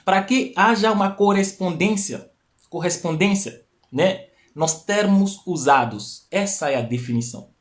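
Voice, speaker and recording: A non-native Portuguese speaker hosts a live stream lesson, his voice sitting high and his pace a little slow. Speaking into a live stream mic, he explains, restates key phrases, and climbs to emphatic peaks.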